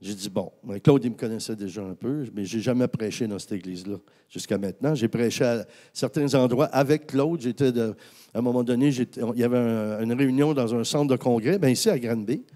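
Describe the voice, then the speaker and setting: A man, a pastor with a Québécois accent, telling a personal story in a sermon, animated, with many fillers and restarts. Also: medium pitch, a little fast.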